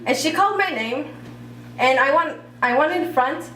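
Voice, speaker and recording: A young woman, a native Arabic speaker who grew up in Iraq, telling her own story on a cafe stage, talkative and halting with lots of fillers. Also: sits high, expressive, a bit bright. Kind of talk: live personal storytelling. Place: cafe stage at a live event. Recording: roomy cafe, speaker far from mic.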